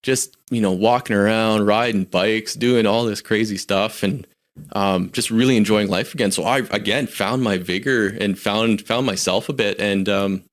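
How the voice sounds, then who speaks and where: This is a Canadian man in his forties, guesting on a podcast and telling casual, candid stories about his life in a reflective mood. He often restarts his sentences, and he speaks at normal speed in a lowish voice.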